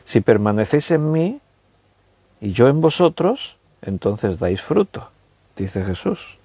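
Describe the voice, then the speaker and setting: Male preacher, mid pitch, chatty sermon delivery with slow emphatic words, dry close sound. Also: very animated, dark tone, breathy edge, no echo. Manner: conversational, stretches key words slowly for emphasis. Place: recorded at home with a tablet.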